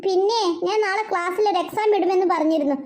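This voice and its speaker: Brief: woman as a measured cartoon schoolteacher, a touch lower than the others but still high. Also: darkish tone, slight background noise. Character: calm, matter-of-fact schoolteacher. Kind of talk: cartoon voice acting.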